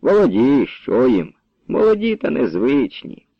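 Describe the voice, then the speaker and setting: A man's voice: sits high, huge pitch swings, measured pace, vocal fry, dry recording, pitched above the performer's own voice, heavily acted. A man doing a weary village father. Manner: tired, placating. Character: weary, placating middle-aged village father. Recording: dull, dry recording.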